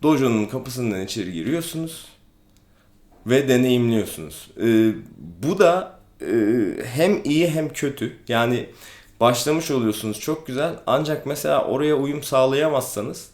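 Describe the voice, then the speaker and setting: A man, an aikido instructor, explains things calmly in a casual vlog, with many hesitant fillers. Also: medium pitch, moderate pace. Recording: echoey room.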